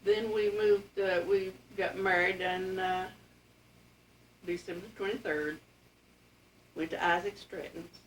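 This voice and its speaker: An elderly woman with an Appalachian accent and a fairly low voice. She talks in a plain, folksy, reminiscing way. The recording is faintly noisy, with the mic some distance off. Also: level tone, slow, pauses often. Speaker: interviewee telling family history. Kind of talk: casual oral-history reminiscence.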